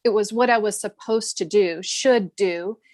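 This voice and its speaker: A woman guest on a podcast tells her story in a thoughtful, earnest way. Her mid-pitched voice sounds close and dry, with no room around it. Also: unhurried, darkish tone, no room sound. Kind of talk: reflective interview storytelling.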